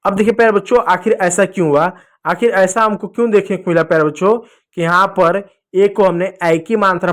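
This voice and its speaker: A man teaching children English reading in a lesson, asking questions and answering them himself, and sounding out letters slowly. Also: sits high. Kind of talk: Hindi phonics lesson for kids.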